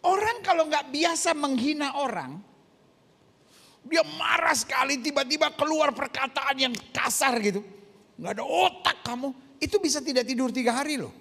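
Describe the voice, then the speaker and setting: A man preaching a sermon, animated, questioning the congregation and acting out voices. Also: extremely high pitch, moderate pace, in a large hall. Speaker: pastor.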